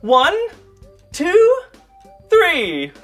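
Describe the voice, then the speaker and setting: A woman's voice: very high-pitched, wildly swooping pitch, very slow, soft background music, full character voice. A woman playing a self-important stage actor who presents a children's church lesson in a theatrical, pompous manner. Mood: grandly theatrical. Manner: theatrical, pompous, grand flourishes. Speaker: kids' church segment presenter.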